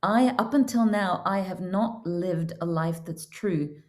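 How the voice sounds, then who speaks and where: Earnest middle-aged woman from Norway, low voice. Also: slow pace, a little mellow. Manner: earnest, reflective storytelling. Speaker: podcast guest, holistic counselor and coach. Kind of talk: casual interview talk.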